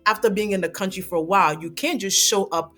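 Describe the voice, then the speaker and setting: A woman from Gambia, a guest in a casual interview, telling her story in a lively, laughing way. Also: mid-range voice, fast.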